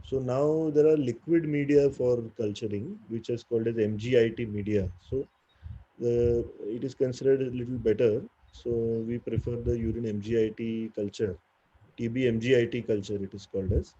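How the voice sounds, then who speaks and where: A man's voice: mid-range voice, fairly even intonation, normal speed, dark tone, breathy edge, lo-fi sound. A man with an Indian English accent, a doctor teaching postgraduates in an online clinical lecture, explaining step by step with many "uh"s and "right?" tags. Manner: explanatory, with frequent "uh" and tag "right?".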